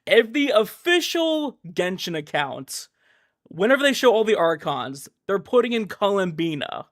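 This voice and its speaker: A male livestreamer chats casually and ramblingly with his viewers in a high, sing-song voice, speaking a little slowly. The sound is clean studio quality with no echo, though music plays behind him.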